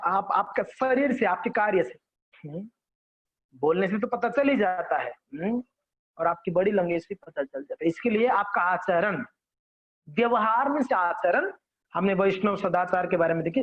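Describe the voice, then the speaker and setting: With a voice that sits high and lively intonation, a devotional lecturer talks at a normal speed. His class is conversational, full of check-ins with the audience and acted-out examples. The audio is dull and lo-fi.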